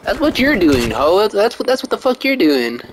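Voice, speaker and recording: A man's voice: high voice, very animated, moderate pace. A man taunting and mocking others in online game voice chat on a headset mic. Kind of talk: heated voice chat. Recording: gaming voice chat with noisy gunfire.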